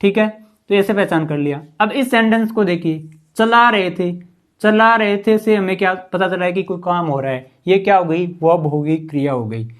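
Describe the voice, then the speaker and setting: Speaking in a fairly high voice at normal speed, a man gives a classroom-style English grammar lesson. He patiently quizzes listeners with rhetorical questions and keeps saying "ठीक है".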